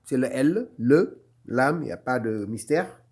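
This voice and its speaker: A man's voice: mid-range voice, lively intonation, a little slow, darkish tone, slight background noise. A man teaching a Quran reading lesson, patiently repeating each letter sound and explaining where it is made in the mouth. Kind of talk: slow online lesson.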